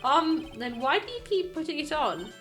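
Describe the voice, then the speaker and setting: A woman voicing a cranky, lovestruck old female security guard who rants in a loud, shrill, scolding voice. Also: sing-song, normal speed, soft background music. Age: older.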